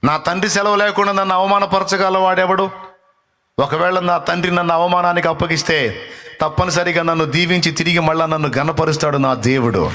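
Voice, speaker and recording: A male preacher delivers a fervent sermon, repeating lines for the congregation to echo and acting out taunting voices before rebuking them. His voice is a little high with fairly even intonation, fairly quick, with a sharp tone.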